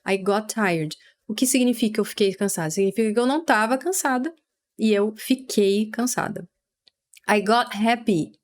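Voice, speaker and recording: A Brazilian woman teaching English vocabulary, patiently explaining and repeating words slowly for pronunciation. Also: mid-range voice. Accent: Brazilian Portuguese.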